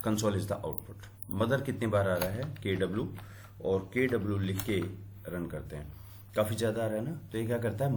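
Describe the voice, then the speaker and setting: Male instructor, middle-aged, lower pitch; screen-recorded tutorial, explains each step as he goes. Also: slight background noise. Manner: talks through code step by step, mixing in English terms; thinks aloud while working, with small fillers.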